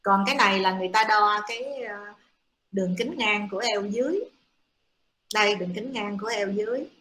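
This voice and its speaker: A woman's voice: medium pitch, brisk, sharp tone, slight background noise. A woman giving a classroom lecture to students, explaining step by step with many hesitant fillers. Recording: echoey room.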